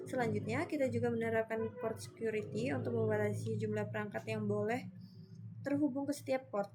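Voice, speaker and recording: A woman's voice: a little high, darkish tone. A young woman with an Indonesian accent, a student narrating her screen-recorded network lab, spelling out commands letter by letter as she types. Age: young adult. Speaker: student presenting a lab exercise. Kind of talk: screen-recorded tutorial walkthrough. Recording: faint background noise.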